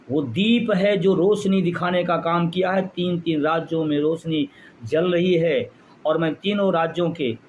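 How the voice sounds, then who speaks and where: A man's voice: a little high, darkish tone, lo-fi sound, a little hiss or hum. A man leading a pension movement, giving an impassioned rally speech full of repeated phrases for emphasis.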